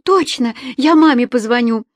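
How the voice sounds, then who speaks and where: A woman's voice: fairly high pitch, moderate pace, no room sound, voice pushed up, close to an everyday voice. A woman voicing a terrified young schoolgirl, pleading and squealing in an audiobook story. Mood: frightened.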